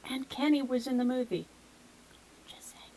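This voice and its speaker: A woman's voice: high voice, moderate pace, dark tone, rough recording. A woman with a Southern US twang, a music reaction YouTuber chatting casually and playfully teasing her viewers.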